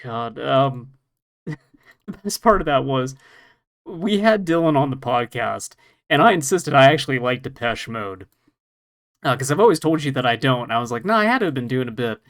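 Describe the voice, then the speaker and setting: This man's voice is medium in pitch, and he talks at a moderate pace with frequent pauses. He's co-hosting a podcast and chatting casually while playing a retro fighting game. He jokes at his own expense, laughs a lot, and swears casually here and there.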